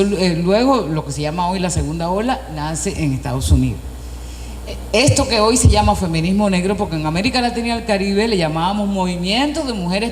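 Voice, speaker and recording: A woman speaks on a panel, measured and explanatory, setting up questions and answering them herself. Her voice sits at an ordinary pitch for a woman. It carries a long, roomy echo with faint background hiss. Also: darkish tone. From Dominican Republic. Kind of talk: academic panel talk. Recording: echoey hall with faint background noise.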